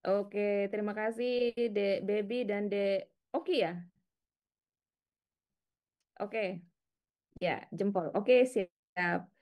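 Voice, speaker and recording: A middle-aged woman lecturer teaching an interactive class, lively and chatty, coaxing students to answer and laughing often. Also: mid-range voice, drawn-out words, long pauses.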